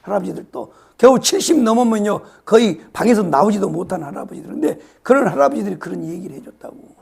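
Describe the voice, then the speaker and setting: A hoarse man, preaching a sermon and repeating his phrases with emphasis, sometimes dropping to a whisper. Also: high voice, expressive, fast talker, a little mellow. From South Korea, Yeosu-Suncheon area. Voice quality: raspy. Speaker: pastor.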